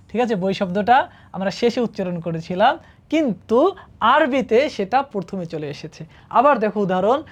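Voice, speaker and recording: A woman teaching Arabic grammar to students in a classroom-style lesson, patiently asking them questions and checking that they follow. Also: on the high side. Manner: patient, asks the class questions and often checks with "ঠিক আছে?".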